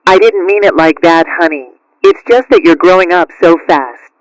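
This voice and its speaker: A man voicing a caring, gently firm mother cat in a cartoon, in a soothing, motherly manner. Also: sits high, normal speed, dry recording, natural voice, rough recording. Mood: gentle concern. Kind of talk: cartoon character acting.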